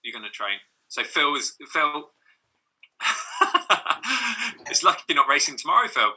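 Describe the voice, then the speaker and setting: A man's voice: on the high side, animated, a little slow, bright, forceful tone. A man hosting a casual video call chat, playful and teasing, laughing a lot.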